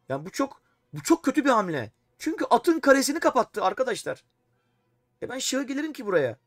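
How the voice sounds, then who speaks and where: A man's voice: sits high, a bit bright, no room sound, clean studio sound. A man streaming a live chess game, thinking aloud and talking to his chat, often exasperated. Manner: talks to himself and chat while playing, exasperated.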